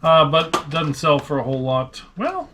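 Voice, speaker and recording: A slightly high, fairly flat male voice at a moderate pace belongs to an online reseller and vlog host from Nebraska with a US Midwestern accent. He chats jokily and casually, thinking aloud as he sorts and prices items amid room noise and clicks.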